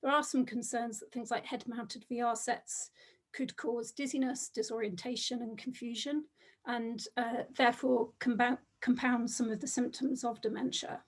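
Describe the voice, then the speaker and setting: A woman presenting academic research over a video call in a measured, reflective way. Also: a little high, steady tone.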